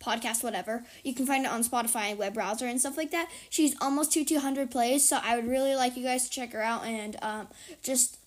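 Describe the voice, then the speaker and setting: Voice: mid-range voice, brisk. A child podcast host in natural, unscripted talk, playful and rambling, often repeating words. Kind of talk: natural unscripted talk with improvised silly karaoke singing.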